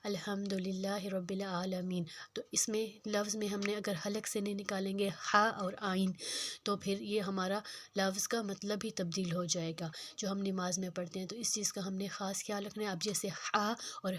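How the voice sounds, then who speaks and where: A woman's voice: medium pitch, flat delivery, a little hiss or hum. Patient woman teaching tajweed. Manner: repeats sounds and words slowly to show contrasts. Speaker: Quran reading teacher. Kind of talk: slow patient tajweed lesson.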